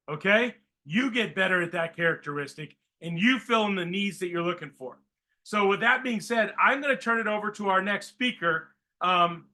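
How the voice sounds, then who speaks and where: A man's voice: sits high, sharp tone. A man on a video call giving an emphatic coaching talk to his team before introducing the next speaker.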